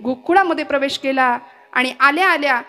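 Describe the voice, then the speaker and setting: A woman kirtan preacher giving a devotional sermon, telling its stories in an expressive, declamatory way and reciting Sanskrit verses. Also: high-pitched, fairly quick, soft background music.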